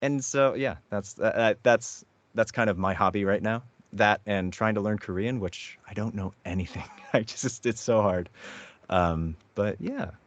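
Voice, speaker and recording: A man speaking as a voice actor guest in a relaxed, self-deprecating interview chat. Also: lowish voice, normal speed, no echo. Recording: dull lo-fi dry sound.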